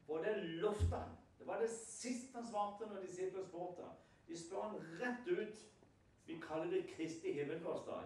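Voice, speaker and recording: A man with a fairly high voice preaches a sermon, spinning scripture into a lively story and checking in with the congregation through rhetorical questions. He stands well back from the microphone. His words ring through a very reverberant hall. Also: slight background noise. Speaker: lay preacher. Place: prayer house hall. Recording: very echoey hall, far from the mic.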